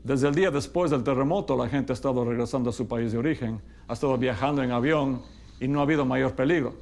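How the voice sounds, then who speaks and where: Measured Spanish-speaking lawyer, English terms mixed in. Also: male voice, mid-range voice, darkish tone. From Ecuador. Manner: measured, explanatory, slows down to stress key terms. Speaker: immigration lawyer. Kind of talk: explainer talk to camera.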